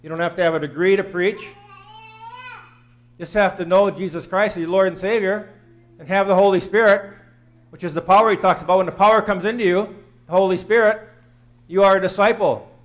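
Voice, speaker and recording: High-voiced guy in his 50s giving a sermon, earnest, keeps repeating lines to hammer them home. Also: lively intonation, moderate pace, pauses often. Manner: earnest, plain-spoken, repeating phrases for emphasis. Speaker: preacher. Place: small church sanctuary, in front of the altar.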